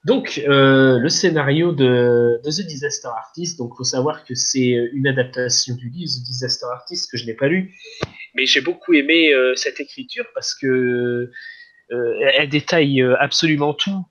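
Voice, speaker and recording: A man's voice: medium pitch, moderate pace, a bit bright. A man talking casually about a film as a podcast guest, hesitant with many fillers. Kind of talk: casual film review chat.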